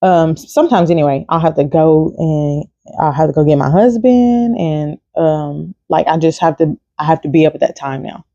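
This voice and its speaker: Woman vlogger talking faith, relaxed and conversational, warm timbre, dry recording. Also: deep voice, moderate pace, vocal fry, no room sound, lo-fi sound. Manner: chatty and informal, many fillers. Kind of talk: casual devotional talk to camera.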